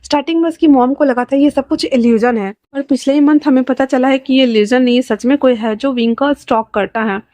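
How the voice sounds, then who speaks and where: A woman's voice: high voice, a little fast, few pauses, dark tone, dry recording. Woman narrating a story, dry close sound. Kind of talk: storytelling narration of fan fiction.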